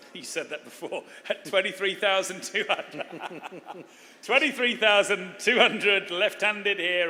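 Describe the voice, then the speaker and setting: A man's voice: high voice, pushed and bright. A man working as an auctioneer, calling live bids in a repetitive chant of numbers. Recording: echoey hall with long reverb.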